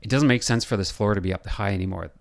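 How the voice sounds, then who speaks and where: Hoarse and scratchy, a man who seems to be losing his voice talks through a software design tutorial. He's a building designer with a voice on the low side, and he thinks aloud, pausing often and using plenty of fillers.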